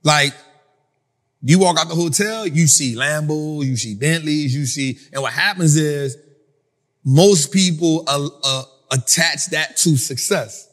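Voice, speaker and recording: A man hosting a finance talk for a live audience, in a casual, animated storytelling style that acts out other people. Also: fairly high pitch, unhurried, in a large hall. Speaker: finance speaker and host. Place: event venue with an audience.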